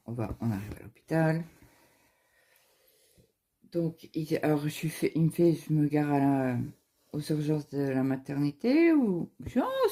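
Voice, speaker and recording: Young female vlogger, casual storyteller who keeps quoting what people said, husky and dark-toned. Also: sits low. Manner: retells events through quoted dialogue, with frequent fillers and restarts. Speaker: craft vlogger. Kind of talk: casual chat, telling a personal story.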